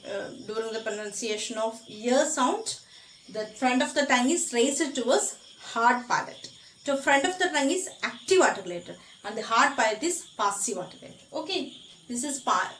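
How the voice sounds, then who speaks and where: Slow, echoey Malayali woman lecturing. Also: on the high side, fairly bright tone, slight background noise. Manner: switches between English and Malayalam mid-sentence, repeats key terms slowly; frequent "uh" and "okay" fillers, self-corrections. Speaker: phonetics lecturer. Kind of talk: recorded lecture.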